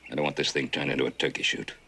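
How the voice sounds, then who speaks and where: Stern ranch dad, super deep voice, firm and steady, old tv western. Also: male voice, husky, full character voice. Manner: firm, measured authority. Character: stern ranch father insisting on the law. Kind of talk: 1960s TV western acting.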